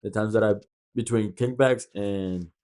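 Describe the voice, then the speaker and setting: A man's voice: fairly low pitch, measured pace, darkish tone. A young man co-hosting a podcast, chatting casually in loose slang full of "like". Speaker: podcast co-host. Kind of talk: casual chat.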